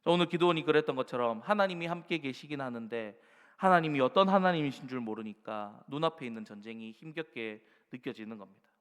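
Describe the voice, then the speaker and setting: A man's voice: medium pitch, fast, fairly bright tone, clear, resonant tone. A male pastor preaches a sermon, exhorting the congregation and acting out the words of doubting believers. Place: church sanctuary. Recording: reverberant church hall.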